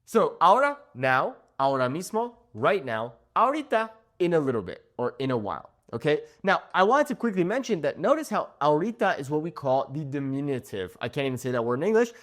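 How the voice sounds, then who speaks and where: A man's voice: on the high side, sing-song, a little fast, few pauses, a bit bright. A young man giving a casual video lesson on Spanish, often checking in with "okay?" as he explains. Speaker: Spanish teacher.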